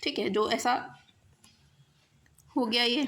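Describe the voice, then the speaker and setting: A woman teaching an Arabic lesson, reading phrases slowly and explaining them in quicker asides. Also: on the high side, fairly bright tone. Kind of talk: classroom lesson explaining grammar exercises.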